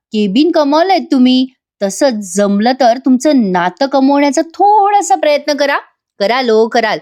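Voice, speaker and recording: Gentle, coaxing male lawyer from a TV serial, slightly high and easy-paced, read by a woman. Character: calm older male lawyer giving advice.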